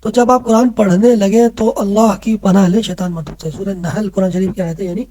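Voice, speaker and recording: A man's voice: high-pitched, fairly even intonation, warm tone, poor audio. A man teaching a religious lesson to children, patiently explaining and often checking that they follow. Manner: patient, keeps checking in with listeners.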